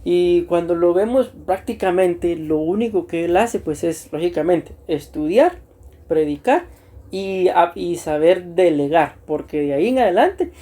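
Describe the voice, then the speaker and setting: Male pastor, mellow tone, earnest church teaching, frequent throat-clearing. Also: a little high. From Costa Rica. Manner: earnest and unhurried, repeats himself, often clears his throat. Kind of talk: church teaching to new deacons.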